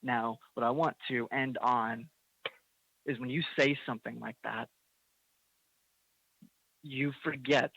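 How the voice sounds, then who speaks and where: A man's voice: mid-range voice, steady tone, slow, gravelly, long pauses, dry recording, dull audio. A young man hosting a podcast, ranting heatedly with swearing and emphatic bursts. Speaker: podcast host. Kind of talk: impassioned podcast rant.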